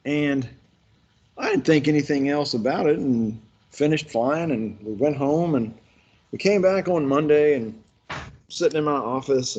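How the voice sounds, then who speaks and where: A man's voice: medium pitch, a little mellow, lo-fi sound. A man leading a workshop, telling folksy stories in a rambling way with lots of restarts. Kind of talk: casual virtual workshop instruction.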